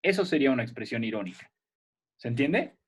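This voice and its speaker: A man's voice: medium pitch, sing-song, fast, husky. A male teacher leads a remote lesson for children, his voice sitting in an ordinary middle range. He explains patiently step by step and keeps checking that the class is following.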